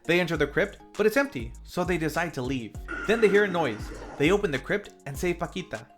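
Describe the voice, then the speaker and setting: With a fairly high pitch and lively intonation, a film review host moves fairly quickly through a scripted recap, playful and tongue-in-cheek, adding theatrical asides. Music plays faintly beneath him.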